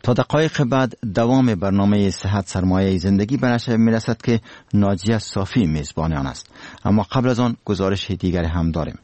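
Low, mellow Afghan radio presenter, male. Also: no room sound. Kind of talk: scripted radio news presenting.

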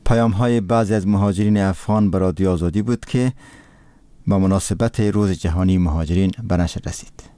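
A man presenting radio news in a measured, formal read. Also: low-pitched, mellow.

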